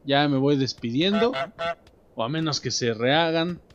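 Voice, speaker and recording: A young man with a Mexican accent giving joking, animated let's play commentary, talking to himself and his viewers as he plays. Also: on the high side, moderate pace, highs cut off, slight background noise. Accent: Mexican Spanish. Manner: animated, jokey, talks to himself and viewers while playing. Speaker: gameplay commentator. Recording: background game music.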